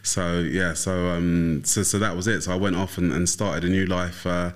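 Essex bloke chatting in an interview, low voice, bit hesitant, repeats his words. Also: level tone, normal speed. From Essex, England. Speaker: interview guest. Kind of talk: casual conversational storytelling. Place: studio.

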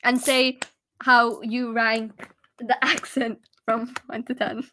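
A woman's voice: fairly high pitch, flat delivery, slow, pushed and bright, slight background noise. A young British woman co-hosting a podcast, playful and teasing, laughing often. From Britain. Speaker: podcast co-host. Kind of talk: casual chat.

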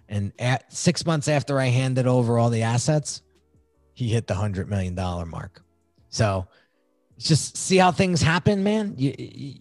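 A man talking as a podcast guest, telling his own story in an animated, excitable way. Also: medium pitch, no echo. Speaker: podcast guest, design agency founder. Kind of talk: casual storytelling interview.

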